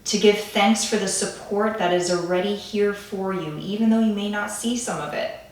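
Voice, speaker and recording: A woman leading a calm grounding meditation in a gentle, soothing way, with pauses between phrases. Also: medium pitch. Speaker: meditation guide. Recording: echoey room, distant from the mic.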